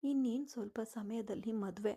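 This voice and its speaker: A woman's voice: on the high side, normal speed, dark tone, breathy edge. Woman voicing a worried, pleading mother. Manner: pleading, sympathetic.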